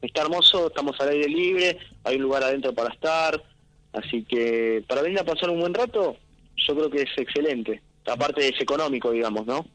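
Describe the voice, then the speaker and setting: A young man with a Rioplatense Argentine accent, heard through a speakerphone as he reports live by mobile phone from outdoors. His voice is bright and forceful, with a dry sound. He talks in a relaxed, chatty way, dropping in fillers as he goes. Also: medium pitch, fairly quick, no room sound, rough recording. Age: young adult. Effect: heard over a speakerphone call. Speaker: field reporter. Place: outdoors at a community event.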